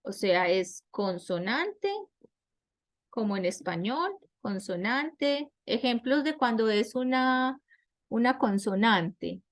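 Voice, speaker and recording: A woman teaching an online class at an unhurried pace, explaining each rule carefully. Her voice sits a little high for a woman, and she keeps checking in with her students through questions. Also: expressive. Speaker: English teacher.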